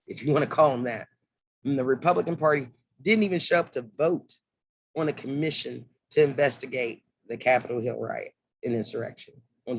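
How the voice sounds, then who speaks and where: A fired-up man holds forth on politics in a heated monologue, swearing freely and slipping into quick voices for the people he quotes. His voice sits fairly high for a man. The sound is dry and close, with no room around it. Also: creaky, slightly rough, no room sound. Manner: heated, swears, acts out quotes in lively asides. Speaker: political commentator.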